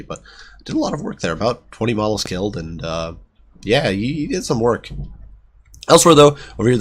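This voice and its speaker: A man with a sick, nasal voice giving chatty game battle commentary, with many fillers. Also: fairly low pitch. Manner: chatty, quick, lots of fillers. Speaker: gaming commentator.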